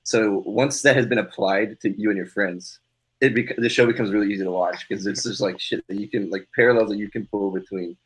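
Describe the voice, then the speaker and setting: A man's voice: fairly low pitch, steady tone, fairly quick, husky, rough recording. A man co-hosting a podcast, chatting casually with frequent laughs, fillers and restarts. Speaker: podcast co-host. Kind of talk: casual chat.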